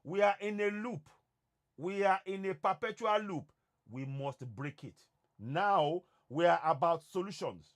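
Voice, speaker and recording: This is a man with a high-sitting, unhurried voice, an online activist host from Nigeria whose first language is Yoruba. He delivers an impassioned monologue to his viewers, emphatic throughout and repeating words to drive his points home.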